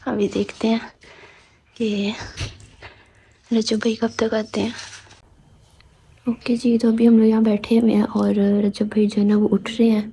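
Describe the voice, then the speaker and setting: Her voice slightly high and level with vocal fry, a young woman vlogs at an unhurried pace and pauses often, telling her phone about her day and mixing in English. She holds the phone at arm's length, speaking in a near whisper indoors, and also films from an auto-rickshaw.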